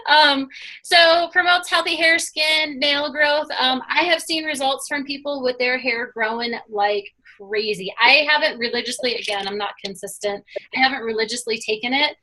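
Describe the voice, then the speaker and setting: A woman chatting on a video call, gushing about products in a casual sales pitch with lots of fillers. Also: normal speed, sharp tone, low-quality recording. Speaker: product presenter.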